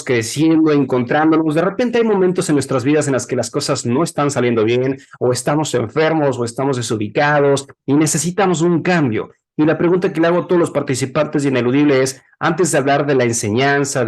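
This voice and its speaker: A man hosting a spiritual podcast, effusive and warm in tone, speaking in long winding sentences. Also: medium pitch. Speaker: podcast host.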